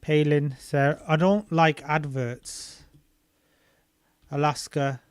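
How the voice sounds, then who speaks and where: A man casually reading a book aloud and commenting on it, thinking out loud as he looks things up. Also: on the high side, steady tone, slow, smooth, no room sound, clean studio sound. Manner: thinking aloud while searching maps and videos, loose and chatty.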